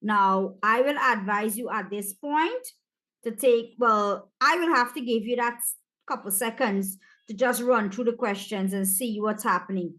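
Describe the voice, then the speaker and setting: A woman teacher with a Caribbean accent, walking students through an exam paper in a relaxed, chatty way and speaking to them directly. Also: fairly high pitch, a little slow. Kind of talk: exam practice walkthrough.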